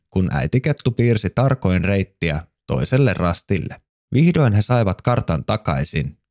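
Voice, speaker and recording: A man narrating a children's story in a gentle storytelling manner. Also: sits low, no echo, clean studio sound.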